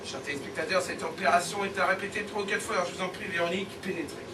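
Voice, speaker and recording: Man playing a high-voiced, pompous infomercial pitchman. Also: very fast, close to an everyday voice. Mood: suggestive instructing. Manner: infomercial pitch, florid, pompous, mock-earnest. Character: male teleshopping pitchman, pompous, suggestive, courteous. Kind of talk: parody infomercial sketch. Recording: noisy roomy far-off recording, loud laughing crowd. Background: loud audience noise and laughter.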